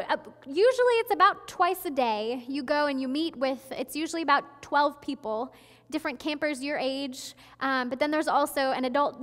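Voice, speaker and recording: A young woman with a high, bright voice preaches a friendly, conversational sermon, chatty and earnest, circling back to restart her sentences. Her voice carries a long reverb off the walls of a large sanctuary. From Florida. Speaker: pastor. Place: large church sanctuary, at a pulpit. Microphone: headset mic.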